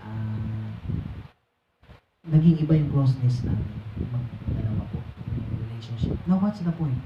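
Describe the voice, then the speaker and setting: A high, thin-voiced man preaches, coaxing and exhorting his congregation with frequent fillers. He sounds set back from the mic in a roomy hall. The sound is dull and muffled, with a faint hiss behind him. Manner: exhorting, mixing English phrases, many "ano" fillers. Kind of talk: sermon. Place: church hall. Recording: echoey, distant and dull room recording.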